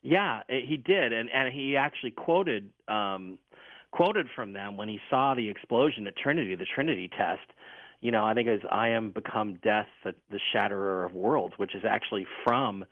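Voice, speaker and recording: A man speaking as a talk radio guest, explaining informally in a halting, conversational way over a phone-like line. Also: fairly low pitch, no echo.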